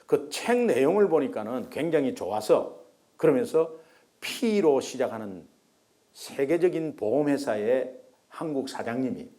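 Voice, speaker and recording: Brief: middle-aged male pastor, storytelling sermon, higher voice, acts out the voices of the people he describes. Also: dark tone.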